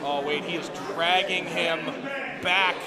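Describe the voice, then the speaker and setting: A man working as a wrestling commentator, giving excited live play-by-play with exclaimed calls. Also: on the high side, slow pace. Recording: loud venue crowd behind. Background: live crowd.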